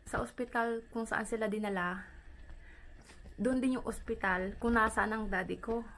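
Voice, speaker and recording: A woman from the Philippines, a vlogger, retelling a painful personal story in a halting, emotional way with many pauses and fillers. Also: a little high, steady tone, a bit bright, a little hiss or hum, rough recording.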